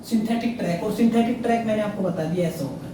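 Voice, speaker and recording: A man with a high voice and a quick pace teaches a current affairs lesson for exam prep. He poses questions and answers them himself, repeats each fact, and often says "theek hai na." The room is very echoey, the mic is far away, and there's faint noise.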